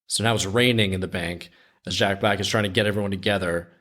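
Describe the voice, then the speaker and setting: A man's voice: sits low, steady tone, fast talker, fairly bright tone. A man hosting a podcast, casually retelling a story in a conversational way with frequent restarts. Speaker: podcast host.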